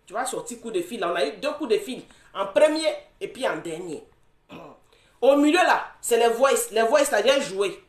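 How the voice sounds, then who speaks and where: A social media commentator with a high, lively voice argues heatedly in a live exchange, confrontational and repetitive, often bursting into mocking laughter. Her pitch swings widely at a moderate pace, and the room sounds echoey.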